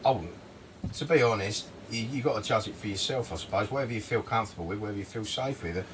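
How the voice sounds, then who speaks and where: A man's voice: fairly low pitch, fast, a crowd in the background. A man with a southern English accent chatting casually outdoors in the wind, rambling informally with some hesitation. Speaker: co-host. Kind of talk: casual vlog chat. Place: outdoors on a windy day. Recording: windy outdoor mic, noisy, distant.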